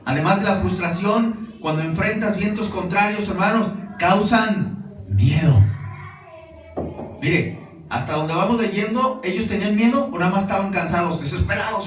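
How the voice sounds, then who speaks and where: Heard from a distance with roomy echo and music underneath, a high-voiced pastor preaches to his congregation in a church hall. His sermon is easygoing and conversational, full of questions and repeated calls of "brothers."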